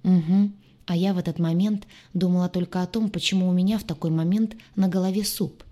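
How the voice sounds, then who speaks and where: A woman narrating a novel in the first person, with a low voice. Her tone is husky, and her delivery is wry and expressive. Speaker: audiobook narrator.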